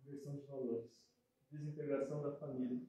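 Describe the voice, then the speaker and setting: Emphatic Brazilian lecturer in an echoey hall. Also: male voice, mid-range voice, flat delivery, brisk. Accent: Brazilian Portuguese. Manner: conversational, shifts between soft asides and loud emphatic bursts. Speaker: spiritist lecturer. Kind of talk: spiritual lecture. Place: hall at a spiritist center.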